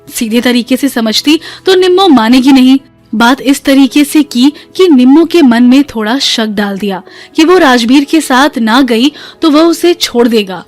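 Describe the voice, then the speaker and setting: A woman narrating a family drama story in a steady storytelling manner. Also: high-pitched.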